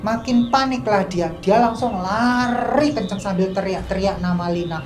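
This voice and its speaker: A woman's voice: medium pitch, normal speed, a little mellow. A woman casually telling a mystical mountain story, chatty and full of slang and sound effects. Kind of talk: casual spoken horror storytelling. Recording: echoey room, faint music.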